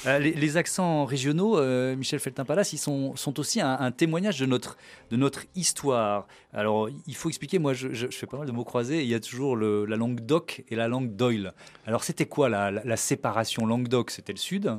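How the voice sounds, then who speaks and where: A man's voice: medium pitch, fairly quick. A man hosting a radio talk show, chatty and anecdotal, with hesitations. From Paris. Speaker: radio host.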